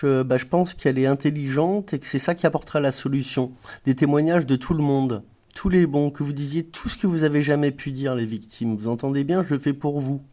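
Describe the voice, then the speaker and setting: A man's voice: medium pitch, a little mellow. A man making an earnest, insistent appeal straight to his viewers. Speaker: video maker making an appeal.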